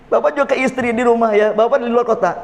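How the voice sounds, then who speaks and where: A man with an extremely high, steady voice and vocal fry preaches a folksy mosque sermon at a quick pace. He jokes with the audience and often calls on listeners directly, addressing them as "Pak." The mosque hall gives a long reverb.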